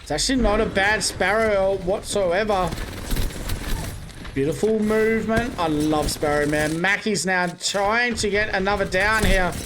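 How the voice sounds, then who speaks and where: A man's voice: high voice, noisy background. A young man doing casual live play-by-play commentary on an esports match. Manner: quick, running play-by-play with casual asides. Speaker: esports caster.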